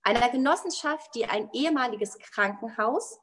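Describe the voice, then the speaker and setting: A woman's voice: a little high, expressive, normal speed, fairly bright tone, slight background noise. A woman giving a scripted narration that introduces the next storyteller. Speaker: podcast narrator.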